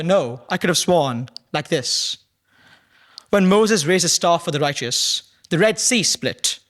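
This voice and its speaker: A young man recites a poem at a ceremony, his voice sitting a little high for a man. His reading is slow and solemn, and his voice falls low and quiet as each line closes. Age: young adult. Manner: measured, solemn reading, dropping low and soft at line ends. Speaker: poet reading at a prize ceremony. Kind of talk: poetry recitation.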